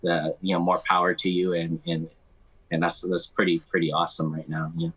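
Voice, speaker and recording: Male podcast guest, low voice, conversational, repeats himself while finding words. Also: little pitch movement, fairly bright tone, breathy edge. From United States, Cambodian American community. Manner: halting, often repeats words as he goes. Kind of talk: casual interview chat, mixing Khmer and English.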